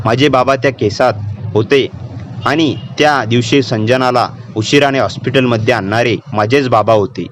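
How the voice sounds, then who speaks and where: A man's voice: mid-range voice, moderate pace, slight background noise, natural voice. A man playing a frightened young maid. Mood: pleading. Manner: fearful, pleading. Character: frightened young housemaid, a woman. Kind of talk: storytelling narration.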